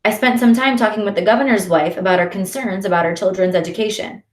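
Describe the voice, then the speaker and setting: A gentle mother speaks softly to her son, her voice rising brightly now and then. A woman reads her in an audiobook. The recording is roomy, with a clear echo. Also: mid-range voice, fast talker, recorded from a distance, lightly acted. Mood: warm.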